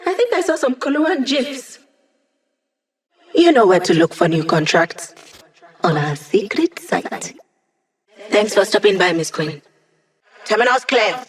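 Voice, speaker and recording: A woman's voice: medium pitch, sing-song, a little slow, long pauses. An actress playing a young digital hacker woman in a video game, wry and playful, with casual, teasing tech-geek banter. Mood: confident. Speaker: hacker support character guiding a squad. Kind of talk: video game character voice lines.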